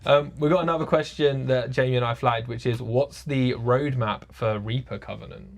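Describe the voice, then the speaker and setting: A man's voice: medium pitch, moderate pace, gravelly. A man hosting a casual livestream, reading out audience questions with an upbeat, laughing manner. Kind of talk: casual chat.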